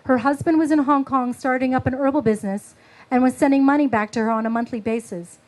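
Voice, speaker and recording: A woman author slowly reading her own prose at a book launch, after a halting, filler-filled introduction. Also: high voice, fairly even intonation, darkish tone, low-quality recording. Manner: halting, filler-heavy speech between readings; slow, measured literary reading.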